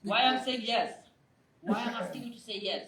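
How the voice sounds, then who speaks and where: Male speaking coach, very high and sharp voice, fires questions at a crowd, echoey hall, distant mic. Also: very slow. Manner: energetic, keeps quizzing the audience for replies. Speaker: public speaking trainer. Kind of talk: live motivational workshop. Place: hall with a live audience.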